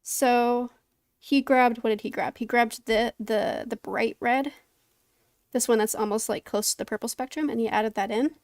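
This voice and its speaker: Female art streamer, casual, mildly flustered, gravelly fry, close dry sound. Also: fairly high pitch, fairly even intonation, moderate pace, dry recording. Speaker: streamer painting along to a tutorial. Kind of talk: casual live-stream chat, thinking aloud.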